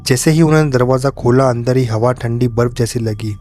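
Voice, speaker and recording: A man narrating a horror story in a steady, dramatic way. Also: mid-range voice, brisk, soft background music.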